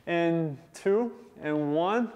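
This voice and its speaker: A man's voice: fairly high pitch, drawn-out words, a little mellow, highs cut off. A man leading a suspension-strap workout video, cheering on his demonstrators and viewers at home and calling out the time left. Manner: upbeat, encouraging, counting down time. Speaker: fitness instructor.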